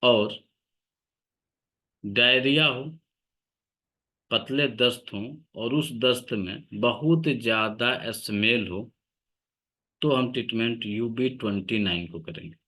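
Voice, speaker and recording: A man teaching an acupressure class, listing points and symptoms in a slow, steady instructive tone. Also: mid-range voice. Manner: dictates point names slowly, steady instructive tone. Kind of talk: online class lecture.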